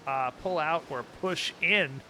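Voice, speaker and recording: A man's voice: a little high, takes it slowly, sharp tone, slight background noise. A man giving casual, rambling and joking playthrough commentary as he reacts to a video game. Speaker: gaming streamer.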